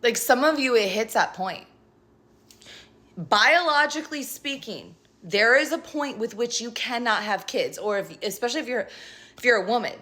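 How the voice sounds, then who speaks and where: A woman's voice: fairly high pitch, lively intonation, normal speed, bright, forceful tone. Blunt, scolding woman tarot reader. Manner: blunt, profane, scolding, sarcastic. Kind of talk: casual tarot reading rant to camera.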